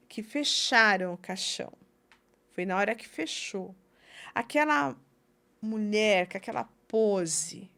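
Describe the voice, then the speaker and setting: A woman, a podcast host telling a story and acting out the voices of the people in it. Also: mid-range voice. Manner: animated storyteller acting out quoted speech. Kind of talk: casual chat, storytelling.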